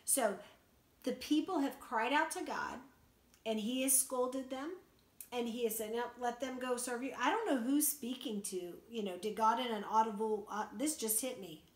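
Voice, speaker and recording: A woman's voice: on the high side, moderate pace, echoey room. A woman teaching a Bible study in a conversational way, asking her listeners questions and acting out the quotes she reads.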